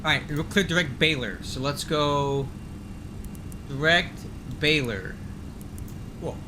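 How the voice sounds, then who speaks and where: A man's voice: a little high, slow pace, background noise. A man livestreaming as a flight sim pilot, giving clipped cockpit callouts and radio readbacks like a pilot on a headset. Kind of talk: live flight commentary with pilot radio calls.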